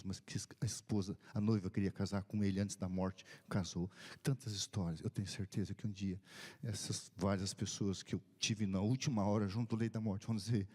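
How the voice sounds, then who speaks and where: Husky low-voiced preacher telling a story. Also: male voice, warm tone. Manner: retells dialogue, drops to whispers and rises in bursts. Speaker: pastor. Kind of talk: sermon storytelling.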